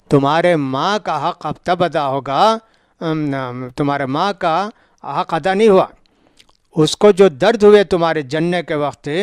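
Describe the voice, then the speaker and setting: A man's voice: on the high side, clean tone, no echo, studio quality. A man with a South Indian Urdu accent giving a religious lecture as a scholar, telling stories and acting out the dialogue, with emphatic repeats. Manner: storytelling preacher, acts out dialogue, repeats for emphasis. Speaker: Islamic scholar.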